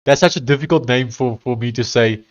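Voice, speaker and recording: Chatting casually on a livestream as he codes, a man speaks briskly at medium pitch with an Afrikaans South African accent. His nose sounds blocked and the audio is lo-fi.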